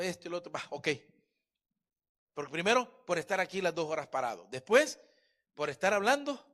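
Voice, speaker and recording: A middle-aged male pastor preaching a sermon in church, swinging between loud exhortation and soft, chatty asides. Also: fairly high pitch.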